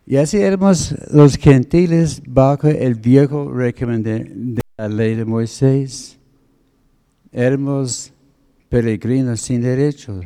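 A man preaching, taking his time as he explains words one by one. His voice is very dark and mellow, sitting at an ordinary pitch for a man. He speaks slowly and deliberately. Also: smooth. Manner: slow, deliberate, explains word meanings. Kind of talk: sermon teaching.

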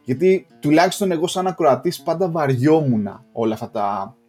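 A man's voice: on the high side, mellow, slightly rough, faint music behind. A man co-hosting a casual podcast, speaking in long, reflective, self-deprecating turns. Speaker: podcast co-host. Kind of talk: casual chat.

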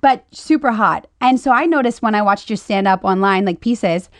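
A young woman hosting a casual chat, bubbly and quick to laugh, swearing freely. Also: mid-range voice, no room sound. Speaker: podcast host.

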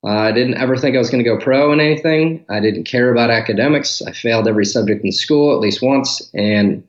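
A man from Detroit, a podcast guest, chatting in a relaxed, candid way from his home office. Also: medium pitch, brisk. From Detroit, Michigan, US. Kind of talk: casual interview talk. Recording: roomy, dull remote audio.

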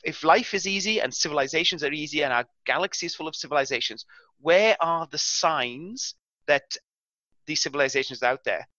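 A man's voice: fairly high pitch, animated, a little fast, sharp tone, no echo, lo-fi sound. A middle-aged man from South Wales, a guest scientist explaining ideas in a thoughtful, self-deprecating way. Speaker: guest astrophysicist. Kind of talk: relaxed explanatory interview talk.

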